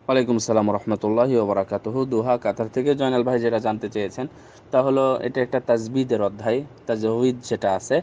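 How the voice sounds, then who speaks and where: Man giving a measured religious talk. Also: mid-range voice, steady tone, warm tone. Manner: measured, hesitant fillers, emphatic repetition. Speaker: Islamic scholar answering questions. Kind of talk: religious question-and-answer talk.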